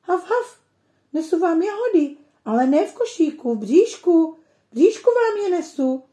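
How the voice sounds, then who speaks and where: A woman voicing a small, playful, greedy puppy in a storybook reading, yappy and excited. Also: very high voice, roomy sound, voice pushed up.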